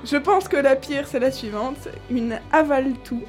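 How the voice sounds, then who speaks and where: A woman's voice: high-pitched, a little slow, soft background music. A woman host in casual chat, listing old slang words with amusement and frequent laughs.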